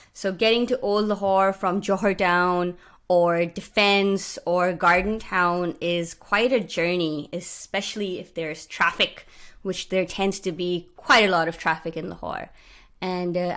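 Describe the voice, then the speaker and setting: A woman's voice: medium pitch, a bit bright. A young woman from Pakistan giving a friendly, explanatory talk over slides, with many "uh" and "um" fillers, recorded at home on a studio mic. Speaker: guest speaker. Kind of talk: presentation narrated over slides. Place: small indoor room at home. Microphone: studio mic on stand with pop filter.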